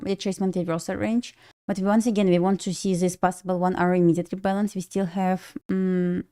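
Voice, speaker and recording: This Belarusian woman with a Russian accent hosts a day-trading livestream, casually commenting as she thinks aloud and replies to chat. Her voice sits in the mid range and sounds mellow.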